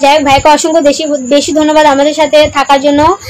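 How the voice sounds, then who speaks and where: A young woman hosting a casual livestream, reading comments aloud and loudly urging viewers to share, comment and follow, repeating herself often. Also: high-pitched, flat delivery, quick pace, poor audio. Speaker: livestream host.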